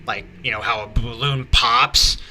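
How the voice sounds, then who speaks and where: A man casually reading through manga chapters page by page, chatty and full of fillers and excited asides. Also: medium pitch, measured pace. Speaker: manga reviewer and channel host.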